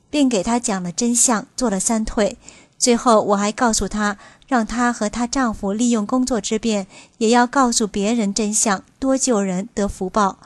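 Older female narrator reading a personal account; steady delivery, a touch high, dry recording. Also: no room sound.

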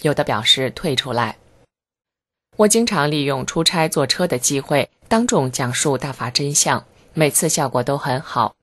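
A reader giving a scripted first-person narration in an even, measured voice, steady and earnest with fervent emphasis. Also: mid-range voice.

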